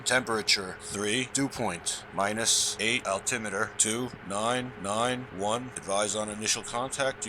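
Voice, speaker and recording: Male voice, automated airport weather broadcast, flat machine-read delivery, lowish pitch, steady noise behind. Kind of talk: recorded airport information broadcast.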